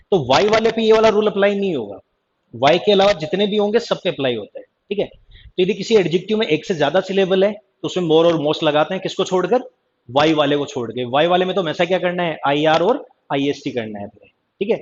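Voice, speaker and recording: A man's voice: high-pitched, expressive, brisk, slight background noise. A man teaching English grammar in a live online class, chatty and teasing, repeating cues to pay attention. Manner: teasing, chatty, keeps repeating "ध्यान देना" and "ठीक है जी". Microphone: online class stream mic. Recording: dull lo-fi stream audio.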